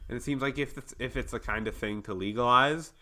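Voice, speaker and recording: A young man with a mid pitch and a bright, forward tone talks on a casual podcast. He hedges his points and drops wry, offhand jokes. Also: fairly quick. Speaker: podcast co-host.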